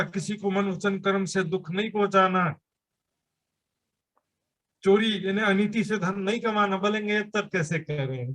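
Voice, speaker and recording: A man with a notably high-pitched voice delivers a sermon at a temple gathering. He explains his points through homely examples and keeps asking his listeners rhetorical questions. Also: pushed and bright. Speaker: preacher.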